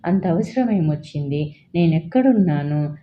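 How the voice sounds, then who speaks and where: A woman voicing a frightened young woman trapped in a dark room in an audio story, panicky and calling out, on a dull lo-fi recording. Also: sits low, expressive, moderate pace.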